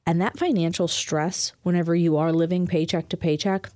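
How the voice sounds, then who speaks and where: A woman talking through money advice in a relaxed, earnest conversation, often restarting her phrases as she explains. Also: on the low side, moderate pace, no room sound, studio quality. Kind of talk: casual conversation.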